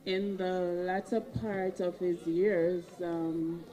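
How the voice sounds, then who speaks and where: A woman with a Jamaican accent giving an informal tribute at a wake, pausing often with ums. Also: lowish voice, fairly even intonation, warm tone, some chatter behind, poor audio. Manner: rambling, pauses with ums. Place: outdoor wake gathering.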